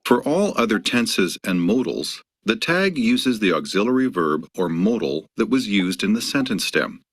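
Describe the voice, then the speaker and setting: A man giving scripted instructional narration on grammar, measured and explanatory, acting out the example sentences. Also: lowish voice, very animated, no room sound.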